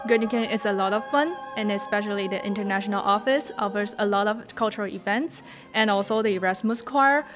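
A woman's voice: medium pitch, a little fast. A young woman from Taiwan, an exchange student, speaking cheerfully to camera. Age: young adult.

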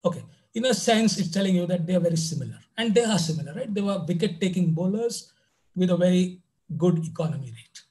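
A high-pitched man teaches an online math class. He keeps it loose and conversational, dropping "you know" between points. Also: animated, quick pace, dark tone, poor audio. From India. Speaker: lecturer.

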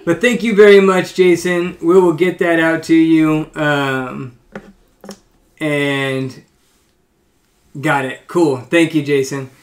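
A man's voice: fairly high pitch, steady tone, slow pace, pauses often. A man hosting a casual live stream, talking hesitantly with lots of ums and restarts as he runs a sale. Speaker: live stream host selling coins.

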